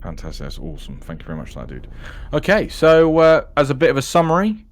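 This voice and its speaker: A man's voice: mid-range voice, huge pitch swings, quick pace. A man hosting a tabletop role-playing session as dungeon master, introducing the players in a chatty, laid-back way. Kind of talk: casual tabletop game introduction.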